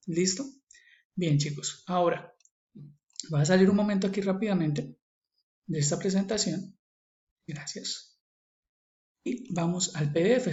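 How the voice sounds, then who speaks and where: A man's voice: high voice, darkish tone. Patient Colombian man teaching grammar. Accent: Colombian Spanish. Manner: patient, repeats each rule, checks in with "¿vale?" and "¿listo?". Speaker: English teacher. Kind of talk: recorded online lesson. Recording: echoey, slightly dull screen recording.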